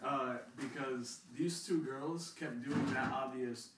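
A man's voice: medium pitch, slow, echoey room, far from the mic, heavy background noise. A man telling a story animatedly during a casual podcast chat, laughing often.

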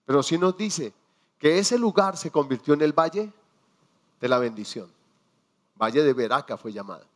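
High-voiced man preaching a sermon. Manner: asks the congregation questions and answers them; acts out prayers and dialogue in a hushed voice.

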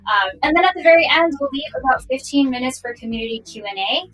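A young adult woman hosting a casual live-streamed interview, chatty with many fillers, heard through low-quality stream audio. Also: animated, fast talker, a bit bright. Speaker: host. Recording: distant low-quality stream mic, faint music.

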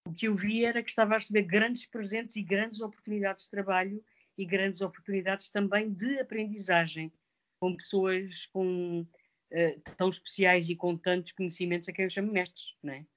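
Woman in her 50s, interview guest, thoughtful and hesitant, mid pitch. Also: fairly even intonation, moderate pace. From Mozambique. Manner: reflective, many hesitations. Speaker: actress guest. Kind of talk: interview answers.

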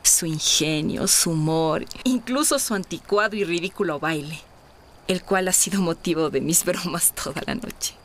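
A woman's voice: fairly low pitch, normal speed, slight background noise, lightly acted. A woman playing a refined, romantic lady in a historical audio drama, speaking formally and earnestly as if confiding. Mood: confiding, smitten. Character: refined, candid married lady, romantic and independence-minded.

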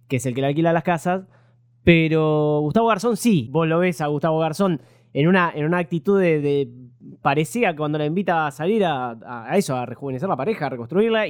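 A man's voice: fairly high pitch, smooth, no room sound, studio quality. A man discussing a film casually on a podcast, talking at length with frequent restarts. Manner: talkative, hesitant with frequent restarts.

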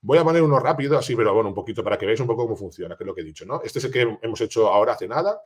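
A man's voice: on the low side, lively intonation, racing, slightly rough. A man, a teacher explaining a classroom project in an informal way, with many fillers and restarts. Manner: restarts and repeats words while thinking aloud.

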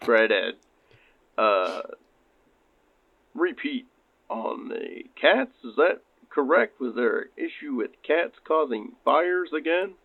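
A man playing a lazy male assistant fire chief who talks haltingly with radio sign-offs, heard over a police-style two-way radio. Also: mid-range voice, sing-song, vocal fry, no echo, heavily acted. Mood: puzzled. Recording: tinny radio line, dry.

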